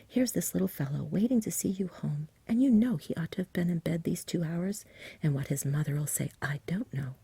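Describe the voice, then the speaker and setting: Kindly firm saintly knight done by a woman, storybook ASMR, husky whisper, reassuring, dry close sound. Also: on the low side, moderate pace, mellow, no room sound, heavily acted. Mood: firm, scolding.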